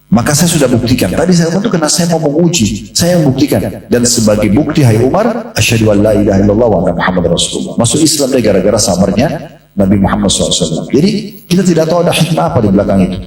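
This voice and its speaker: A man preaches to a congregation in a mosque, telling a story at a brisk clip and speaking straight to his listeners. His voice rings through a very reverberant hall. He stands some way from the microphone. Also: mid-range voice. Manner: lively storytelling, addresses audience directly. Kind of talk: religious lecture to a congregation. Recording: very echoey hall, mic at a distance.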